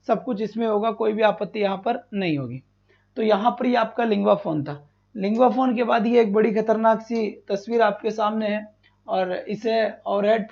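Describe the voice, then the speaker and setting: A man's voice: sits high, darkish tone, dull audio. A man teaching a live online exam-prep class. He keeps repeating his own questions and answering them, and chats with his students, scolding the latecomers. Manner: chatty, scolds students for being late.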